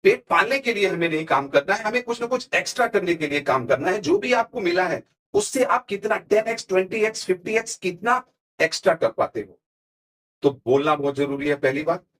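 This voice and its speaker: A man speaking as a motivational speaker in a podcast interview, emphatic and animated, driving his points home with everyday examples. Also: high voice, brisk.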